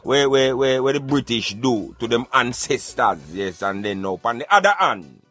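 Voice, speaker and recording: A radio show host with a Jamaican accent runs a talk show in Patois, offering emphatic, repetitive commentary peppered with catchphrases. His mid-range voice is animated and fairly bright at a moderate pace, over soft background music.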